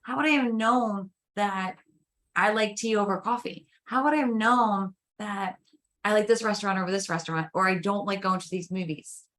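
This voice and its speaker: Woman guest coach, middle pitch, emphatic and persuasive. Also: moderate pace, fairly bright tone. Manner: emphatic and coaching, with rhetorical questions. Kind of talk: casual interview chat.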